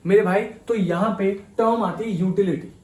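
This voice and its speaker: A man's voice: high voice, steady tone, normal speed, darkish tone, roomy sound. A man with a Hindi accent teaching economics in a chatty online lecture, asking questions and answering them himself. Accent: Indian Hindi. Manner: chatty, asks and answers his own questions.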